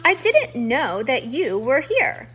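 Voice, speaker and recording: A woman's voice: sits high, wildly swooping pitch, slow, fairly bright tone, heavily acted. A woman voicing a sniveling, apologetic male fox in a storybook reading. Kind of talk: storybook read-aloud.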